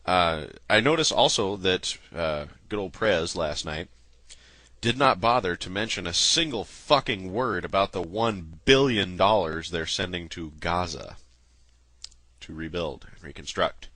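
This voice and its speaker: A man rants straight into the mic, angry, sarcastic and swearing freely. His voice is bright and cutting, with a lowish pitch, and the recording is dry and close with no room sound. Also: lively intonation, unhurried, dry recording. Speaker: political commentary video host. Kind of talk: angry political rant to camera.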